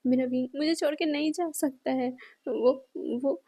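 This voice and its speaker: A woman's voice: high voice, steady tone, a little slow, warm tone. A woman voicing a grief-stricken young man in denial, pleading and stumbling over his words. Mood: desperate pleading.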